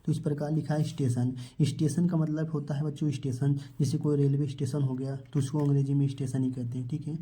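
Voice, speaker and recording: A man's voice: on the high side, little pitch movement, fast talker, hardly any pauses, dark tone. A man teaching an English spelling and pronunciation lesson. He asks each question and answers it himself, repeating every word and calling his viewers children.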